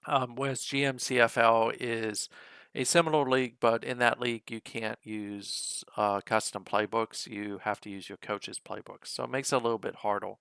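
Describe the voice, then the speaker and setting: A man with a hoarse, gravelly voice from being ill, hosting a casual recap of a simulated football league and talking loosely with frequent hesitations. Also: medium pitch, fairly even intonation, moderate pace, fairly bright tone, dry recording.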